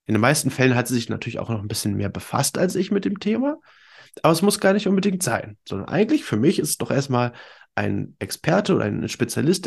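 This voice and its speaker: Male podcast host, mid-pitched, stuffed up with a cold; informal, emphatic coaching delivery straight to the listener. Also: creaky, darkish tone. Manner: emphatic, conversational coaching with rhetorical questions. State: congested with a cold. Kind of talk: informal solo podcast talk, addressing listeners directly.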